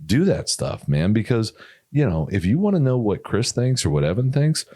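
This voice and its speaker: Male podcast co-host and dog trainer, low voice with a lot of movement, animated and chatty. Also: moderate pace. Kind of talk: casual podcast chat.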